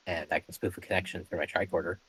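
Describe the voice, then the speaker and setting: A player in a tabletop game explaining a plan haltingly, with many restarts. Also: low voice, steady tone, fairly bright tone, slightly rough, rough recording. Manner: hesitant, restarts sentences. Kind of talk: casual tabletop game chat.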